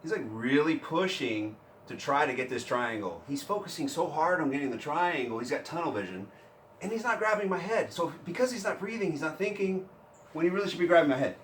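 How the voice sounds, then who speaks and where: Man, jiu-jitsu instructor, casual animated chat, distant mic, echoey gym, faint background noise. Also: fairly quick. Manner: animated, acts out panicked grappler in higher voice.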